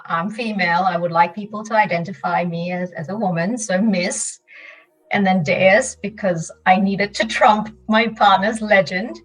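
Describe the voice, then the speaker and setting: A woman's voice: medium pitch, moderate pace, breathy edge, far from the mic, rough recording. Woman telling stories, a little off-mic. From Malaysia. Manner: lively storyteller, laughs often. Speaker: podcast guest. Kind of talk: casual storytelling interview.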